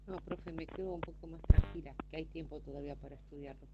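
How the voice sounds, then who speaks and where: A woman's voice: deep voice, steady tone, fast. A woman student with an Argentine accent talking casually in class, rambling and repeating herself, over choppy call audio. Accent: Argentine Spanish. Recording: dull choppy call audio, loud noise, clicks.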